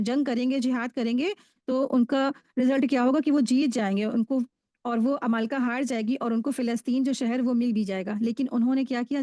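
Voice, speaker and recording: A woman teaching a Quran study class, explaining verses and history in a steady, explanatory way with frequent restarts. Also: a little high, no echo, studio quality. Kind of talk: religious lesson.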